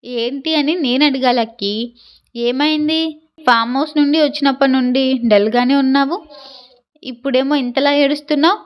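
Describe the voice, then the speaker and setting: Storybook granny, older, sharp-tongued but loving, raised a little high, read by a woman. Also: fairly even intonation, moderate pace, highs cut off, natural voice. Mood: fond scolding. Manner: teasing, scolding affectionately. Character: elderly grandmother, teasing, shrewd and caring. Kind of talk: storybook narration with voiced dialogue.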